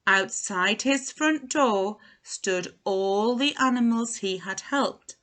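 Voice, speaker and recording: A woman reading a children's storybook as narrator, in an expressive, deliberate manner. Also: mid-range voice.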